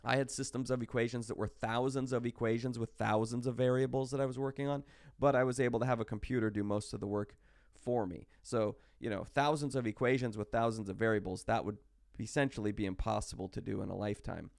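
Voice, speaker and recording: Sick guy teaching math online, rambly, lots of ums, kinda gravelly. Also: medium pitch, fairly even intonation, fast talker, dry recording, clean studio sound. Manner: casual, rambling, many fillers and restarts. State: sick, with hiccups. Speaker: math instructor. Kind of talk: recorded online math lecture.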